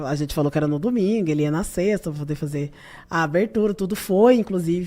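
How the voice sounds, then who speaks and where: A Brazilian woman with a Brazilian Portuguese accent, a podcast guest telling animated stories full of laughter. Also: low voice. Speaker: guest, youth party leader. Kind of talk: casual storytelling interview.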